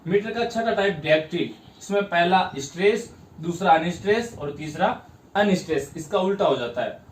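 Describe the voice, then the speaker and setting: A high-voiced man from India teaches a lesson, pacing himself slowly and pressing hard on each stressed syllable. He sounds set back from the mic in an echoing room, with a faint hum of background noise. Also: recorded from a distance. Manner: slow, spells out syllables with stress. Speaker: English teacher. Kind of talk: classroom lesson.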